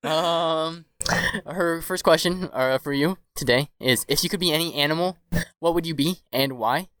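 A man's voice: fairly high pitch, normal speed, a bit bright, dry recording. A man hosting a sports podcast, running a quiz in a playful, rambling way with many fillers. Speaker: podcast host. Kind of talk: casual quiz chat.

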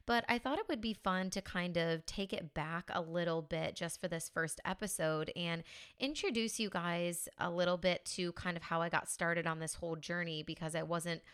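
A woman's voice: lowish voice, normal speed, a bit bright, clear, resonant tone. A young woman from the United States hosting her own podcast as a mindset coach, talking in a chatty, upbeat way with many fillers. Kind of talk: casual podcast monologue.

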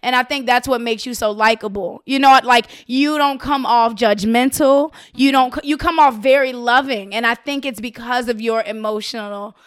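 A woman co-hosting a casual podcast chat, relaxed and reflective. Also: fairly high pitch, normal speed, few pauses, clear, resonant tone. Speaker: podcast co-host.

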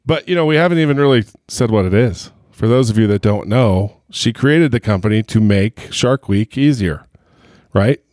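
A man's voice: on the low side, expressive, moderate pace, darkish tone, no room sound, clean studio sound. A man co-hosting a podcast in casual chat, joking and a little self-conscious as he rambles. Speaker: podcast co-host.

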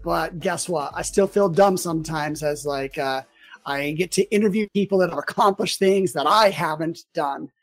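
A man's voice: a little high, moderate pace, faint music behind. A man hosting a podcast, talking casually with plenty of fillers and restarts. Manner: chatty, lots of fillers and restarts. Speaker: podcast host. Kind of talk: casual interview.

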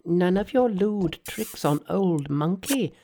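Man doing a brash storybook monkey, high and teasing, slow and bouncy. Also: animated, warm tone, slight background noise, heavily acted. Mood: cocky. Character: boastful mischievous male monkey hero, cocky.

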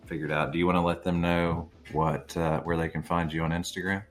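A man's voice: sits low, level tone, brisk, soft background music. A man hosting a podcast in a loose, casual chat, rambling with lots of fillers and the odd swear word. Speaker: podcast host.

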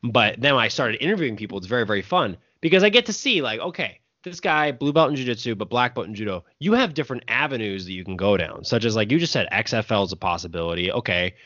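A man in his twenties hosts a podcast, talking quickly and loosely with plenty of fillers. The sound is dry and close. The recording is dull and lo-fi. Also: mid-range voice, expressive, fairly bright tone, no echo. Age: 20s. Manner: loose, filler-heavy, chatty. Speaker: podcast host. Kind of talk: casual interview chat.

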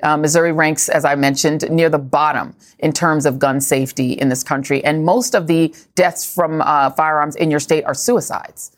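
A woman anchoring a live news program with a somewhat low voice. She asks pointed, probing questions and presses guests for answers. Her delivery is direct and purposeful. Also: fairly even intonation, normal speed, few pauses. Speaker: TV news host.

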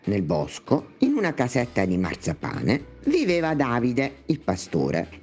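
Lively playful comic narrator, man. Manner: lively, playful, shifting pitch.

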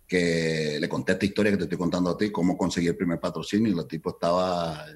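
Middle-aged man, very low voice, animated interview storyteller who slips between Spanish and English. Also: fast talker. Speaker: salsa event promoter.

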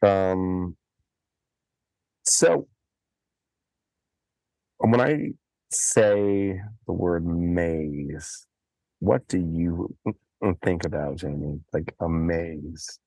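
A deep-voiced man with a slight cold, chatting slowly on a podcast. He rambles along with fillers and restarts, and his voice sits very low. The sound is dry and close. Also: gravelly, dark tone, no room sound. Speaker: podcast co-host. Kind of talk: casual podcast chat.

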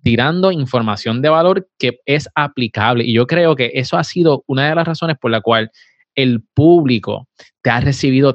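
A man hosts a podcast interview, praising his guest and asking questions with some fillers. His voice sits in a middle pitch. The sound is dry and a little dull. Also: dry recording. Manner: affirming, asks questions, fillers. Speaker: podcast host.

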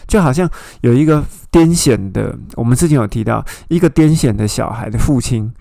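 A man's voice: medium pitch, expressive, normal speed, vocal fry, warm tone, dry recording. A man teaching a Bible study. He explains scripture, retells its scenes and asks his listeners questions.

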